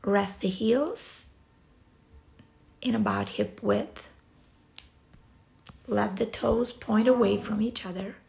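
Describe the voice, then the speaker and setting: Guiding a yoga nidra meditation, a woman speaks very slowly and leaves long gaps between phrases. Her voice is soft and breathy, full of vocal fry, pitched in a middle female range, and soothing.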